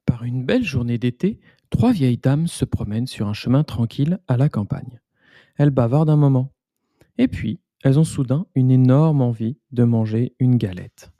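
A man hosting a bedtime story podcast, narrating gently and unhurriedly. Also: mid-range voice, expressive, normal speed, no echo, studio quality.

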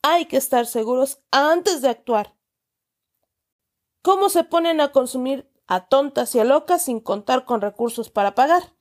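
A woman voicing a stern, pompous middle-aged uncle who loudly lectures children with exaggerated indignation. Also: high voice, lively intonation, measured pace, voice pushed up. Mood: scolding. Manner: loud, scolding, exaggerated indignation.

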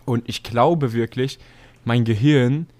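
A young man co-hosting a casual podcast, telling stories in a slangy, animated way with many fillers. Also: medium pitch, slow, slight background noise. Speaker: podcast co-host. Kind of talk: casual chat.

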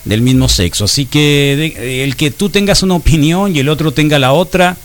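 A middle-aged man hosts a casual show in a slightly higher voice than most men. He jokes and teases the people around him as he talks. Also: normal speed. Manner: joking, teasing co-hosts. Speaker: host. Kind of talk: casual chat.

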